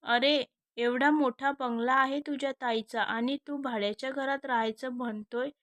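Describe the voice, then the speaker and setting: A woman's voice: sits high, fairly even intonation, moderate pace, a bit bright. A woman voicing a fond, protective middle-aged aunt in a storybook reading.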